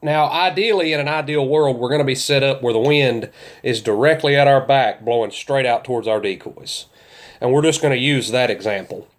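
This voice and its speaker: A duck hunter from central Kentucky teaches calling techniques, offering informal, folksy, plain-spoken instruction as a seasoned outdoorsman. His voice is mid-range and he talks a little fast.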